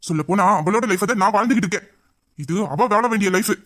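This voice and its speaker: Hot-tempered but tender young college man, played by a man, high-pitched. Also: fast talker, close to an everyday voice. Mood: angry. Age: young adult. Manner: fierce scolding, then soft and low.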